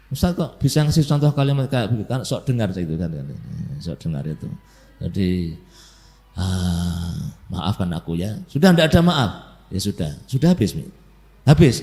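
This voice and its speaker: A man's voice: medium pitch, warm tone. A man giving a casual sermon, chatty and jokey, acting out little household scenes and ending each point with a filler tag. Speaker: Islamic preacher.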